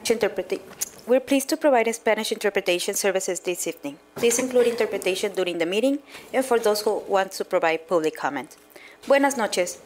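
Female interpreter, rapid formal announcement, medium pitch, noisy meeting-room sound. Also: a little mellow. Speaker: Spanish interpreter.

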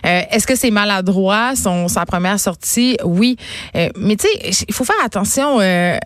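Québécoise radio columnist, mid-pitched, dry studio, wry and chatty. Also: female voice, measured pace, no echo. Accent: Quebec French. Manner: lively, wry, many fillers. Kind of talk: radio commentary.

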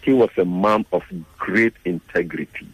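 Ghanaian-accented male journalist for radio interview; deep, husky, earnest and measured. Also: no echo, highs cut off. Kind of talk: radio interview, reflective commentary.

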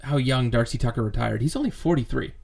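A man co-hosting a sports podcast, opinionated and animated, laughing often in casual chat. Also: mid-range voice, fast talker, gravelly. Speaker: podcast co-host.

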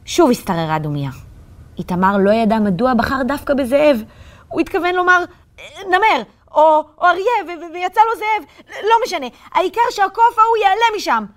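A woman narrating a children's story in an expressive, animated way. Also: high voice. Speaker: story reader.

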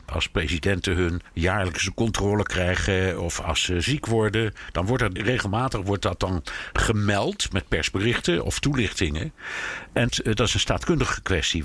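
A man giving measured, explanatory commentary in conversation, hesitating often as he thinks. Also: fairly low pitch, fairly bright tone, husky. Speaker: commentator on American politics. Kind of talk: conversational analysis.

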